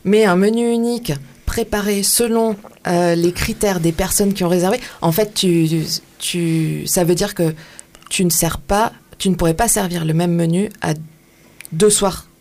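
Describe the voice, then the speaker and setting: A woman interviewing a guest in a relaxed, informal way, asking follow-up questions. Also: on the low side, moderate pace. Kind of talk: casual interview.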